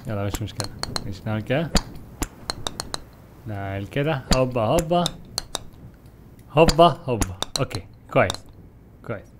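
A young man with an Egyptian Arabic accent, commenting on his gameplay in an animated, frustrated way as he talks to his viewers. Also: medium pitch, moderate pace, pauses often, noisy background. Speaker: gaming YouTuber.

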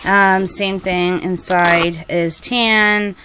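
A young woman talks her way through a casual crafting vlog in a fairly low voice. She rambles and fills her pauses with ums. A faint background noise sits under her speech. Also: fairly even intonation. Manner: chatty, rambling, frequent ums. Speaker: duct tape crafter showing custom orders. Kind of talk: casual show-and-tell vlog.

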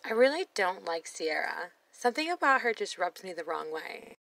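A sassy woman hosting a reaction commentary, blunt and quick to swear. Her voice sits a little low, and the sound is close and dry with no room around it. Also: very animated, vocal fry, fairly bright tone, no echo, low-quality recording. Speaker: reaction video host. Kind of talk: voice-over commentary on a reality show.

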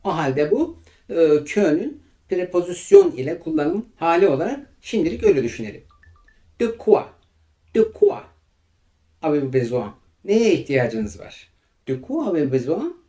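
A man with a Turkish accent teaching French vocabulary. His voice sits a little high, and his pitch moves a lot as he explains. He repeats each example phrase slowly and carefully. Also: wildly swooping pitch, warm tone. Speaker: language teacher.

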